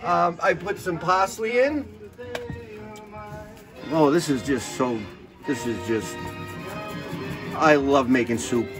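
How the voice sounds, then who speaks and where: This cooking-show host has a fairly high voice and speaks slowly, pausing often, with music behind him on a rough recording. He rambles and jokes as he cooks, swears without restraint and drifts into stories.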